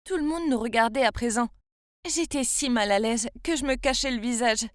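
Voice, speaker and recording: A woman in her twenties from France tells her own story in the first person, in a confiding and emotional way. Her voice is fairly high. The recording is a dry, close voice-over. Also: normal speed, no room sound. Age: 20s. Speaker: narrator.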